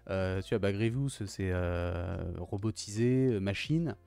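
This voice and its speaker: A man's voice: lowish voice, a little slow, warm tone, clear, resonant tone. A young man gushing in a casual, slangy film review, often repeating his exclamations. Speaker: YouTuber reviewing films.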